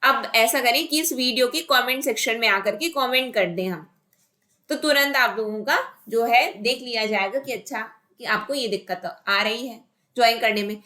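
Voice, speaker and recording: Bright-voiced woman teaching an online class. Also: a little high. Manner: explains by asking and answering her own questions. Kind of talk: online exam-prep lesson.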